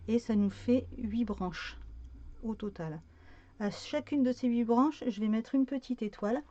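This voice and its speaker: A woman's voice: on the high side, a little slow, mellow, highs cut off. A woman talking through a card-making tutorial in a casual, hesitant way, with many fillers and self-corrections.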